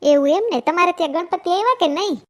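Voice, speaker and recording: A woman speaks in a very high, piping voice. She is chirpy and agreeable in a comic sketch, firing back quick, eager answers. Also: fairly bright tone. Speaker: friend in a comedy sketch. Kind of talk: scripted comic village chat.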